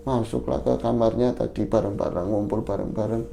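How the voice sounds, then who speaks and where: A man's voice: fairly low pitch, steady tone, a little fast, creaky, dark tone, slight background noise. A man hosting a horror podcast, telling a story and acting out the characters' lines in raised voices. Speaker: podcast host.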